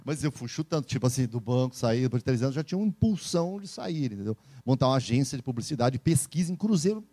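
A man with a Brazilian accent, a speaker and entrepreneur, telling stories in a casual interview with animated laughter. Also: medium pitch, dry recording. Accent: Brazilian Portuguese. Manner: animated, laughing, quick storytelling.

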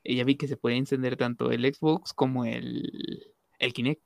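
A young man with a Mexican accent in a casual chat, relaxed and chuckling as he tells a story. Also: mid-range voice, moderate pace, vocal fry, dry recording, studio quality. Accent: Mexican Spanish.

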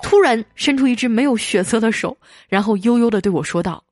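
A woman's voice: a little high, brisk, over music. Chuckling woman host telling jokes. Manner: lively, chuckling through punchlines. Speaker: host reading listener jokes. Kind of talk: comic storytelling.

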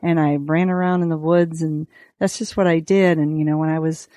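Low-voiced outdoorswoman chatting, close and dry. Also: steady tone, brisk, dark tone, no room sound. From Green Bay area, United States. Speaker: podcast guest, outdoorswoman. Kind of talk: casual interview chat. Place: small lakeside cabin, indoors.

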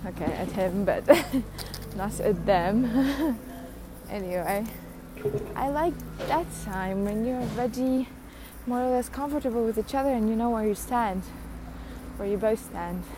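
A woman's voice: on the high side, unhurried, background noise. Laughing young woman ranting on a podcast. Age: young adult. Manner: rambling, self-mocking, laughs often. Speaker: podcast host. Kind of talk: casual solo rant.

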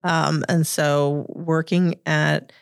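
A woman's voice: low voice, little pitch movement, drawn-out words, vocal fry, clean tone, dry recording, clean studio sound. A woman with a Boston accent answering interview questions thoughtfully, as a guest. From Revere, Massachusetts, United States. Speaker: interview guest, corporate lawyer.

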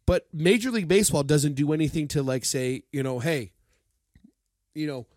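A man's voice: a little high, expressive, normal speed, a little mellow, no room sound, clean studio sound. A man co-hosting a casual sports chat, rambling and joking with plenty of fillers.

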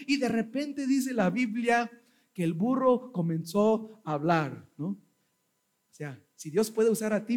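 A man preaching as a pastor, telling a Bible story in a conversational way, often tacking on short questions, and reading scripture aloud. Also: very high-pitched. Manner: conversational, frequent tag questions. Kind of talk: sermon.

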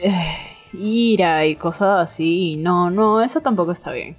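A woman's voice: on the low side, measured pace, faint music behind. A woman co-hosting a casual chat, frank and giving blunt advice straight to listeners. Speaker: podcast co-host.

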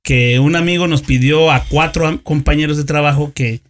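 A man's voice: fairly high pitch, fairly even intonation, moderate pace. A man with a Mexican accent chatting casually, telling a story with slang and lots of fillers. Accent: Mexican Spanish. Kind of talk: casual chat.

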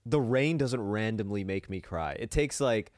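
A man's voice: on the low side, moderate pace, no echo, studio quality. Teasing young man with a swooping voice. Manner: deadpan teasing, swoops up in mock surprise. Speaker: podcast co-host. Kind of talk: casual chat.

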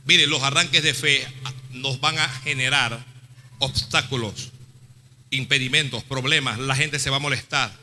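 A man preaching a sermon, retelling a story dramatically and swinging between hushed and shouted lines. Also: medium pitch, steady tone, a little slow, a little hiss or hum. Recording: long hall reverb with music.

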